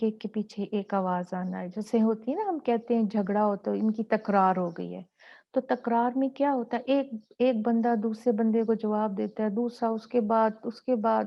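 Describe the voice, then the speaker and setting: A woman's voice: a little high, gravelly, dull audio. A woman teaching a tajweed lesson step by step, patiently asking and answering her own questions and demonstrating sounds.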